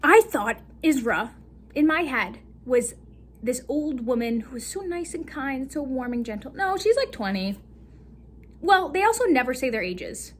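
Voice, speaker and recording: A woman's voice: high-pitched, a little hiss or hum. A young woman recapping a book in a casual, giggly, rambling way, breaking into laughter as she talks. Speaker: book vlogger.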